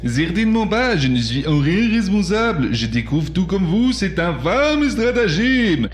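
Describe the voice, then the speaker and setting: A man's voice: high-pitched, big pitch swings, measured pace, slight background noise. A man playing a defensive, haughty, peevish professor in a comic audio drama.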